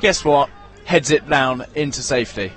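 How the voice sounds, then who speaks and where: A man's voice: mid-range voice, normal speed, fairly bright tone, soft background music, some chatter behind. A man giving live play-by-play commentary at a football ground, chatty and prone to stumbling over player names.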